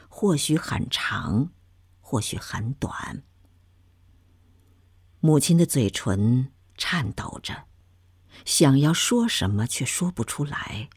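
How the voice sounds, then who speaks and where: Low husky woman reading a memoir aloud, slow, soft and whispery, dry close sound. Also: no echo. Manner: soft, hushed storytelling with whispered asides. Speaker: narrator. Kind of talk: narrating a memoir story.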